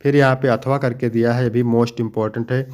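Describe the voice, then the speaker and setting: A man's voice: medium pitch, flat delivery, darkish tone. Man patiently explaining exam answers. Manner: explains each answer step by step, then reads the next question; slows to stress key points. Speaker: teacher. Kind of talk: exam-prep lesson.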